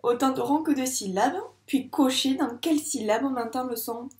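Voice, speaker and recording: A woman's voice: high voice, moderate pace, darkish tone, echoey room. A woman teaching first-grade phonics to young children, patiently stretching out sounds and syllables.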